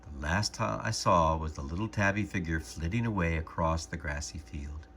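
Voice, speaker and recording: A man calmly and gently reading a storybook aloud as narrator. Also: deep voice, a little hiss or hum. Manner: calm, gentle, measured narration.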